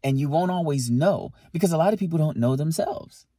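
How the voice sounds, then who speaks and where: A man's voice: on the high side, lively intonation, brisk, dark tone, no room sound, studio quality. A man co-hosting a podcast, talking casually and emphatically about relationships, with lots of rhetorical questions. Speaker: podcast co-host.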